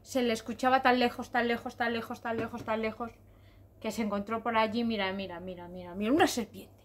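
A woman telling a story to children in an expressive, sing-song, repetitive way. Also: on the high side, brisk.

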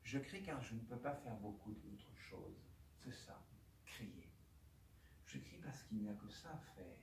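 Doctor guy giving a talk, slow halting speech, aphasia, keeps repeating words, echoey room, mic kinda far. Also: on the low side, expressive, gravelly, a little hiss or hum. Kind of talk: personal testimony lecture. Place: conference room. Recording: roomy hall, distant mic, faint ambience.

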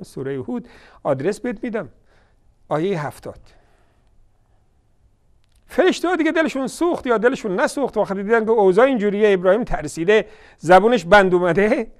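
High-voiced man scolding in a heated lecture. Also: vocal fry. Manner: heated, scolding and mocking, loud bursts then quiet asides; recites scripture slowly and deliberately. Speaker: religious lecturer on a TV show. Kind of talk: polemical religious lecture.

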